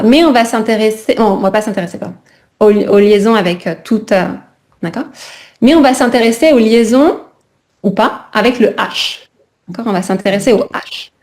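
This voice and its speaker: A woman teaching a French class over a video call, pausing often to check that students follow. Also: a little high, darkish tone. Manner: keeps checking in with "d'accord?".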